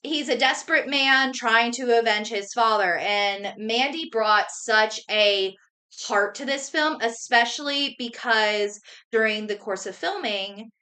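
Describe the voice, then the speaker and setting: A young woman co-hosting a casual movie chat, her higher voice bright and forceful. She rambles along chattily, filling pauses with ums and uhs. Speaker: podcast co-host.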